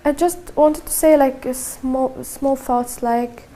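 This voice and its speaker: Speaking softly to camera, an Arabic-speaking woman from Syria in her early twenties tells her story as an activist. She has a high, gravelly voice with a steady tone, and her speech is halting, full of fillers and restarts.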